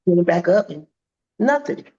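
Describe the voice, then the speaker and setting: A woman in her fifties, a boxer being interviewed, telling stories in a lively, animated way and acting out what people said. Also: on the low side, normal speed, highs cut off. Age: 50s. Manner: animated, acts out quoted dialogue. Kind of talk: casual interview storytelling.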